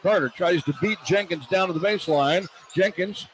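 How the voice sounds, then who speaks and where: High-pitched and moderately paced, this radio commentator calls a basketball game play by play with terse, ongoing descriptions, recorded live amid noisy arena crowd sound.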